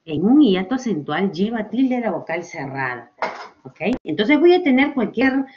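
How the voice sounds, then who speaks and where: A woman's voice: mid-range voice, sing-song, a little slow, slight background noise. A woman teacher gives a children's language lesson, stretching out example words and often checking with "ok?". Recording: dull lo-fi recording.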